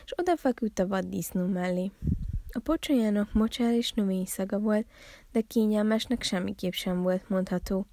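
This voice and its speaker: A woman from a library reading a children's Christmas story aloud, calm and unhurried. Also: medium pitch.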